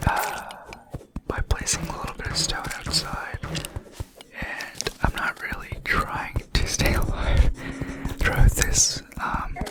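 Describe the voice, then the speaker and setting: A video creator whispers right up close, as if leaning in to each ear. The delivery is very slow and halting, a breathy, unvoiced ASMR ramble over gameplay that drifts along with pauses between short phrases. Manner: hesitant, halting, unhurried rambling.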